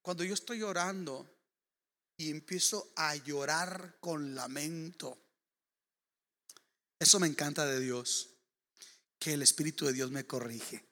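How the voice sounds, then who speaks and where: A man preaching a sermon, swinging between loud proclamation and hushed, low storytelling. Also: a little slow, long pauses. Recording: long hall reverb.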